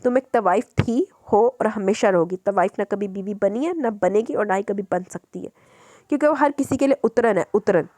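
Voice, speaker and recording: A woman's voice: mid-range voice, normal speed, darkish tone, no echo, close to an everyday voice. A woman voicing a harsh, scornful middle-aged brothel madam in an audiobook novel, with a mocking tone. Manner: contemptuous, mocking.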